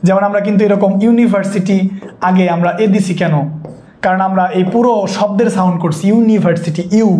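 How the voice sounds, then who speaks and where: A man's voice: high voice, darkish tone, echoey room. A man teaching an English grammar lesson for an exam course, keeping a check on whether his students follow and repeating his points. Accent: Bangladeshi Bengali. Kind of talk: online exam-prep lesson.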